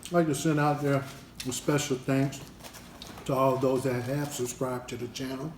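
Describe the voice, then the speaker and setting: A man casually vlogging an eating challenge for his family channel, talking in a relaxed, unhurried way with plenty of fillers. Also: mid-range voice, roomy sound, a little hiss or hum.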